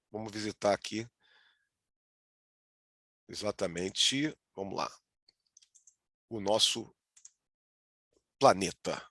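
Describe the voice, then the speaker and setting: A man's voice: fairly low pitch, a bit bright, no echo, studio quality. A man with a Brazilian accent giving an online lecture as a virtual tour guide, often restarting words and checking in with the audience. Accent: Brazilian Portuguese. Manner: hesitant, with frequent restarts and "né?" checks.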